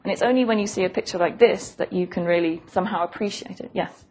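A woman delivers an academic physics lecture quickly, her mid-range voice a little mellow. Thoughtful and professorial, she hesitates and repeats phrases along the way. Expect noise and clicks in the recording.

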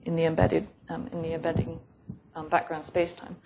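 A woman's voice: sits low, little pitch movement, a little fast, dull audio. Thoughtful woman lecturer with noisy background. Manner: hesitant, thoughtful, professorial, often repeating phrases. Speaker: physics lecturer. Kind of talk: academic lecture, explaining a diagram. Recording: noisy lecture recording with clicks.

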